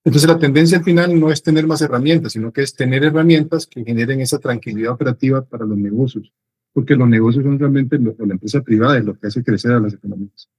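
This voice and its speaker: A middle-aged business consultant from Honduras answers interview questions at a measured pace. His voice has a slightly husky, breathy edge. He often pauses, restarts and gathers his thoughts mid-sentence. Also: medium pitch, a little mellow, low-quality recording.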